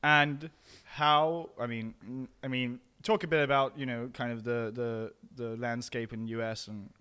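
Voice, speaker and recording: Male co-host, mid pitch, halting and filler-heavy, mouth burning from spice. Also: steady tone, bright, forceful tone, smooth. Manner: hesitant, many ums and repeated words. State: mouth burning from spicy food. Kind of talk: casual chat while eating hot peppers.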